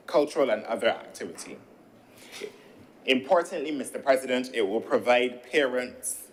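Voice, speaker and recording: A Barbadian man in his thirties speaks from a senate chamber into a desk microphone, slow and deliberate. His pitch sits in an ordinary middle range. A faint hum of the chamber hangs behind him. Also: fairly bright tone, low-quality recording. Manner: measured and formal, often addressing the chair. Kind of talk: formal parliamentary speech. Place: legislative chamber.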